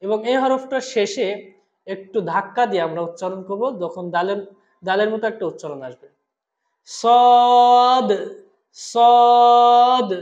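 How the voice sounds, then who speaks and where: A patient teacher explaining Arabic letter pronunciation step by step, drawing each sound out slowly and asking listeners to repeat. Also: medium pitch, roomy sound, muffled recording. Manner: slow, drawn-out demonstrations of each letter sound. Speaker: Quran recitation teacher.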